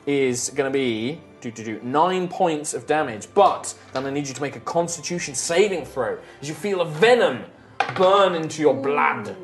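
A man narrating a tabletop game as game master, improvising animated descriptions with spoken sound effects. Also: a little high, normal speed, faint music behind.

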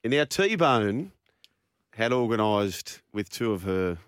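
A man's voice: fairly low pitch, big pitch swings, slow, clean tone, no echo, studio quality. A man with an Australian accent hosting a radio show in a casual, chatty style. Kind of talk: casual sports radio chat.

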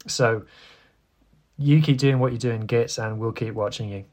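A man's voice: medium pitch, a little slow, a little mellow. A man hosting a casual solo sports news podcast, talking in a chatty, informal and self-deprecating way. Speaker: podcast host.

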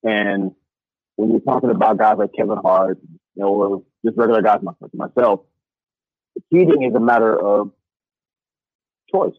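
Male podcast guest on a bad Bluetooth headset: underwater, gurgling, dry and muffled; halting delivery. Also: lowish voice, no room sound. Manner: hesitant, halting with many fillers. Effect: muffled gurgling underwater-sounding audio. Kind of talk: casual opinion chat. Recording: muffled lo-fi headset call line.

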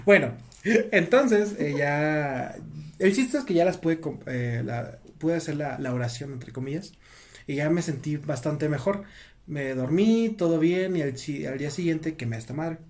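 A man's voice: fairly high pitch, expressive, a little slow. A young man with a Mexican Spanish accent, casually telling a story as a podcast guest, slangy and laughing often as he acts out quoted voices.

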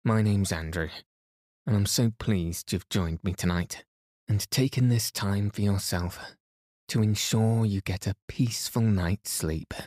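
A man with a fairly low voice reads as a sleep story narrator. His delivery is very slow, calm and soothing, gently guiding the listener. The recording is close and dry. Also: no echo. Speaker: sleep podcast host and narrator.

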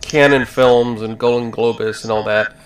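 A man hosting a podcast with casual film talk, halting as he searches for details. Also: mid-range voice, fairly even intonation, a loud crowd, rough recording. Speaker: podcast host.

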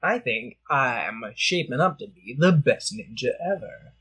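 A woman's voice: unhurried, husky, exaggerated voice. A woman voicing a cocky, eager young boy ninja in a bedtime story. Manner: excited, whiny, high-pitched.

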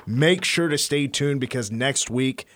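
A man's voice: medium pitch, measured pace, a bit bright. An American man hosting sports radio, switching between casual talk and punchy promo reads. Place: radio studio. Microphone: close studio mic.

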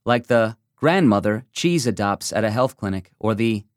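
Dry, measured male essay narrator. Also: lowish voice, animated, smooth, dry recording. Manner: measured, reflective first-person reading. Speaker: essay reader. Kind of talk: scripted narration of a magazine essay.

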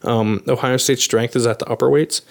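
Man, podcast co-host, casual sports analysis, mid-pitched voice, hedging, lots of fillers. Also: steady tone, moderate pace, vocal fry.

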